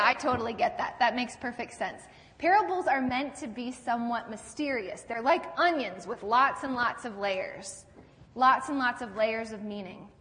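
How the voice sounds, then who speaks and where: A woman pastor preaches in a relaxed, storytelling manner, turning to rhetorical questions for her congregation. Her voice sits a little high. A long reverb trails behind her words in the church. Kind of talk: sermon.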